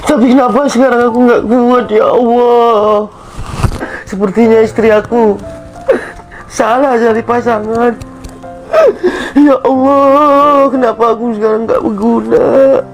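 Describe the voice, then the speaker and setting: A man's voice: extremely high pitch, steady tone, a little slow. An actor playing a sick young husband who sounds weak and pained and keeps apologizing to his wife. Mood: tearful. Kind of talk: short film acting. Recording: background music under the dialogue.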